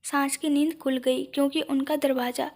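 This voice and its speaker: Woman narrator for an audio drama, calm steady reading, high and even pitch. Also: moderate pace. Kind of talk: scripted audio story narration.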